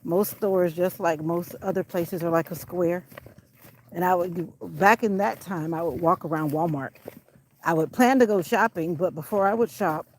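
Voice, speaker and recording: A woman's voice: fairly low pitch, moderate pace, a little hiss or hum, poor audio. Breathless woman walking outdoors. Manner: chatty, out of breath, encouraging. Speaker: vlogger. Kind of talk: casual walking vlog. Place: outdoors on a country road. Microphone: handheld camera while walking.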